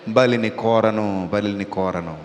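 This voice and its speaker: Preacher doing God: deep, slow, grave, with hall echo. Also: male voice. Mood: solemn. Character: solemn God answering, grave and merciful. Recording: long hall reverb.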